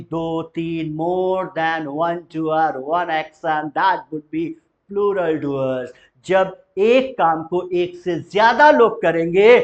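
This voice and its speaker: A man's voice: sits high, lo-fi sound. A man teaching a spoken English lesson, drawing out model sentences and quizzing the listener with repeated questions.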